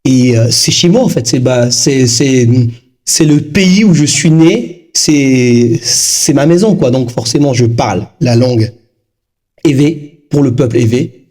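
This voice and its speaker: A man in his thirties from Togo, a guest talking casually in an interview, lively and full of fillers. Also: medium pitch, unhurried. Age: 30s. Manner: animated, lively storytelling with frequent fillers.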